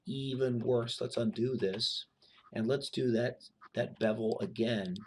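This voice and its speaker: A man teaching a software modeling tutorial, talking in a relaxed, unscripted way with frequent fillers while he demonstrates. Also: mid-range voice, a little slow, slight background noise. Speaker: instructor.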